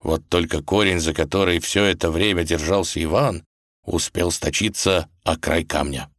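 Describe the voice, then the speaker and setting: Man, deep voice, expressive storybook narration, dramatic, dry sound. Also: normal speed, dry recording.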